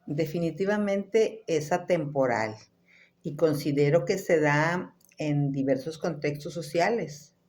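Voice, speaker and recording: Low warm-voiced woman author, calm and deliberate, on a video call. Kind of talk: formal talk about her writing.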